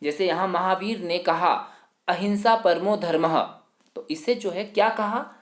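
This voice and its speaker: Male teacher in an echoey room. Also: high-pitched. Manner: slow, explanatory, leans on the filler "jo hai". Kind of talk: Hindi grammar lesson.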